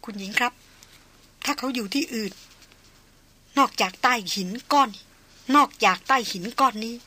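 Woman doing a veteran hunter, man, grieving, restrained, quiet, bright tone. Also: fairly high pitch, normal speed, pitched above the performer's own voice. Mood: grave restrained. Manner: subdued, polite, choked.

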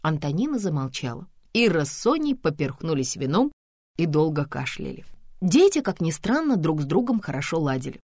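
A woman's voice: deep voice, big pitch swings, moderate pace, a little mellow, no echo. Woman narrating a story, dry and close. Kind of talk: audiobook narration.

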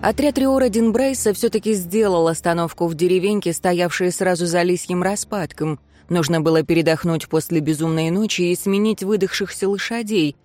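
A woman reading a fantasy novel aloud as audiobook narrator, measured and steady. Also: fairly low pitch, dry recording, soft background music. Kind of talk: scripted narration.

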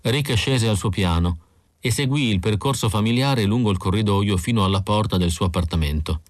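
A man narrating an audiobook in a measured, expressive reading. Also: fairly low pitch, no echo, studio quality. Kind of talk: scripted narration.

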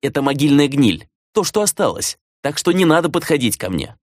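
A man's voice: on the high side, big pitch swings, fairly quick, dry recording, clean studio sound, voice pushed up. A man voicing a guilt-ridden young apprentice necromancer, strained and apologetic with a trembling voice. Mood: tense.

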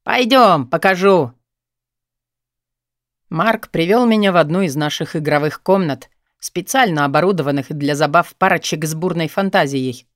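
A man narrating an audiobook in a steady, matter-of-fact tone. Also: a little high, a little fast, no room sound, studio quality.

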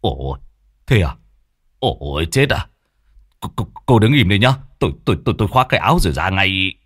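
A man voicing a gruff, short-tempered older male village head, talking loudly and scolding. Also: low voice, very animated, moderate pace, no room sound, studio quality. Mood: flustered. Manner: loud, scolding, stammers when startled.

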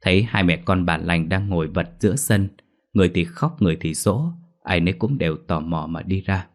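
Man, very low voice, horror story narrator, dramatic, slows at grim details.

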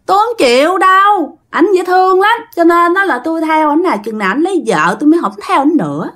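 Woman putting on a coy, high drowned-girl ghost. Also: lively intonation, a little fast, a bit bright. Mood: coy, stubborn. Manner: coy, whiny and high-pitched.

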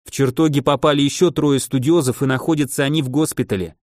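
A man's voice: mid-range voice, steady tone, fast, darkish tone, no echo, clean studio sound, lightly acted. A man voicing a wary young male mage who talks bluntly.

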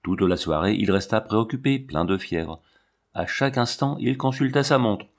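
A man narrating a classic novel in an audiobook. His voice sits on the low side and he keeps a steady, measured storytelling pace. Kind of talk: scripted narration.

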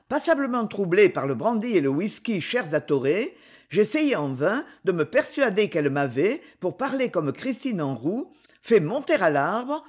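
A reader narrating a classic French story in an expressive, measured way. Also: medium pitch, breathy edge. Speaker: audiobook reader. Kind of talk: literary narration.

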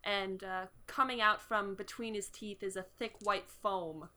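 A woman game master narrating a tabletop scene, descriptive and peppered with fillers. Her voice is bright and clear. She speaks at an ordinary middle pitch. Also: steady tone, unhurried.

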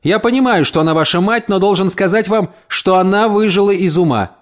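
A man's voice: high-pitched, a little fast, voice pushed up, close to an everyday voice. Protective young husband, firm, raised voice in an audiobook, man acting him. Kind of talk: audiobook character voice.

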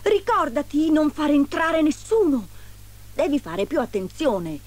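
A woman voicing little dwarves who call out in high, urgent voices. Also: animated, fairly quick, dark tone. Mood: warning.

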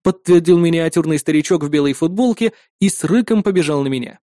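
A man calmly narrating a first-person audiobook story. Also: on the high side, fast talker, no echo, studio quality.

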